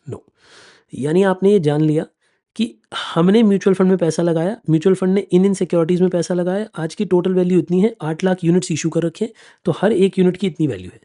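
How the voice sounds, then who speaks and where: A man's voice: high-pitched, dark tone. A man in his thirties giving a classroom lecture on finance, explaining step by step, checking often that students follow and calling them affectionately. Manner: calls students affectionately "beta" and "bachchon". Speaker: finance exam teacher.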